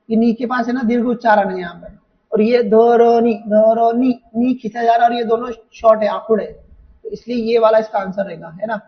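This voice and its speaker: A man whose voice sits high goes through an exam paper with students, explaining patiently, going over points again and asking rhetorical questions. He's off the mic and the recording sounds dull.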